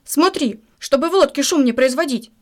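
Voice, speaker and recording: A woman voicing a grumpy, impatient male fisherman in a storybook who scolds and shouts. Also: high voice, lively intonation, moderate pace. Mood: grumbling.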